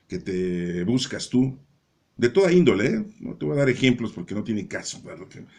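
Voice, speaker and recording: A man explaining Bible readings in a conversational sermon, often checking in with his listeners with "¿no?" and "¿verdad?". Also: darkish tone. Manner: conversational, keeps asking "¿verdad?" and "¿no?"; acts out doubters' voices in a higher pitch. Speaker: lay preacher explaining scripture readings. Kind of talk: informal Bible reading commentary.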